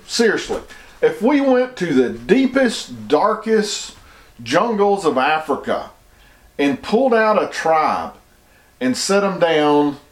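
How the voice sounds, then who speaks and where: A man's voice: on the high side, roomy sound. A man from the United States giving an argumentative opinion monologue, emphatic and often restarting his words. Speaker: commentator.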